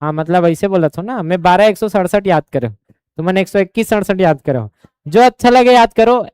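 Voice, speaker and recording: A man's voice: high-pitched, animated, normal speed, a little mellow, clear, resonant tone, no room sound, clean studio sound. A man with a Chhattisgarhi accent teaching an exam coaching class, drilling numbers over and over and often asking if the students follow.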